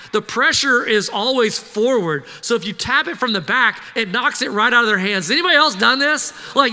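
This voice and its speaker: A man preaching a sermon to a congregation, animated and conversational, often asking the crowd questions. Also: very high-pitched, long reverb tail. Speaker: pastor.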